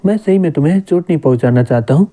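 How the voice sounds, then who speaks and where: A man's voice: on the high side, animated, fast talker, warm tone. A man reading a flustered young hero.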